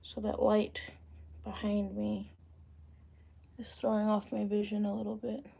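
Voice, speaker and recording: In an unhurried, relaxed way, a realtor in her late thirties fields viewers' questions on a phone-camera livestream from home, thinking aloud as she does her hair. Her voice is medium-pitched, mellow and dark, with gravelly fry running through it.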